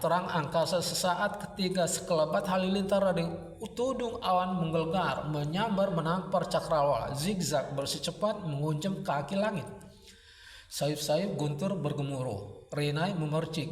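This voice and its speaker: A man narrating a dramatic serial story with vivid, rhythmic phrasing, recorded at a distance in an echoey room. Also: a little high.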